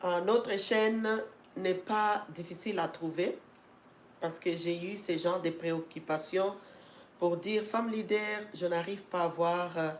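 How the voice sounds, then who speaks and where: Stuffed up from a cold, this woman hosting an educational live stream has a lowish voice, and a faint hiss or hum sits under the audio in an echoing space. She speaks to viewers with many fillers and restarts, growing insistent and pressing at times.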